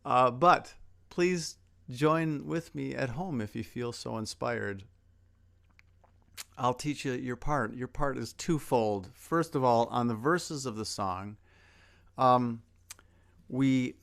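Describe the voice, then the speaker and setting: Guest performer and singer-songwriter, this Minnesota man speaks in a gravelly, slightly bright, medium-pitched voice. Streaming online, he introduces a song and teaches a sing-along in a casual, conversational way as an acoustic guitar gets strummed and tuned in the background.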